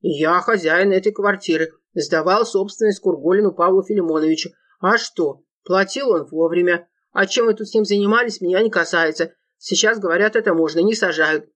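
A woman's voice: fairly low pitch, fairly quick, few pauses, close to an everyday voice. A woman voicing a timid, fussy old male landlord in an audiobook, mild and grumbling. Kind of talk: audiobook narration.

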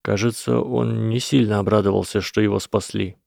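A man voicing a shy, unsure young boy wizard who speaks quietly and hesitantly, in an audiobook. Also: on the low side, fairly even intonation, normal speed, creaky, dry recording, clean studio sound. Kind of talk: audiobook character voice.

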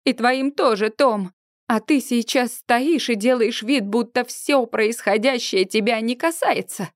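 A woman's voice: fairly high pitch, measured pace, no echo, studio quality, natural voice. Woman doing a proud, indignant mother.

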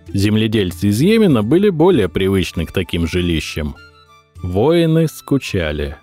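A man narrating a historical audiobook in a measured, expressive reading. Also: low voice, no echo, clean studio sound. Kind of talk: scripted narration.

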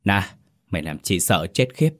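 A man's voice: low-pitched, big pitch swings, normal speed. Man reading as a frightened young girl calling her sister, flustered, storybook. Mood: tearful. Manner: flustered, choked. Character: panicked young older sister.

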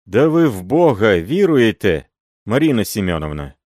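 An old working man swears loud, wailing oaths, as a male reader puts him on. His voice climbs above the reader's own and carries loudly. The sound is dry and close. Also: fairly low pitch, big pitch swings, moderate pace, no echo, voice pushed up. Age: older. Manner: wailing oaths, then gruff threats.

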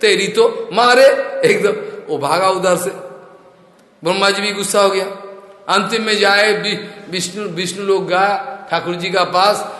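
A male preacher tells scripture stories in a lively, animated way and keeps throwing rhetorical questions at his listeners. His voice sits fairly high. The recording is from a temple hall with strong echo and a long reverb tail. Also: unhurried. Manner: animated storytelling, rhetorical asides. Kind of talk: Hindi religious discourse.

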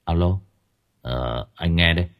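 Guy doing a worn out young dad, low quiet voice. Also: measured pace. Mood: weary. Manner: tired, low and hushed. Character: weary young father, grieving.

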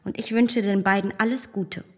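A woman playing Emma, a self-assured and easily indignant young gentlewoman, in a radio drama of a literary classic, speaking formally and emphatically. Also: medium pitch, steady tone, normal speed, long reverb tail, lightly acted. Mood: bitter, scornful.

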